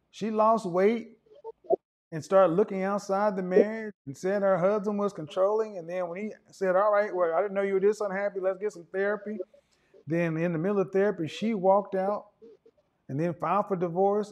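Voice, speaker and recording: A man's voice: high-pitched, darkish tone. A man hosting a call-in debate show, blunt and pushing back on callers, with features. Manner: blunt, pushes back, talks over callers. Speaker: host taking callers.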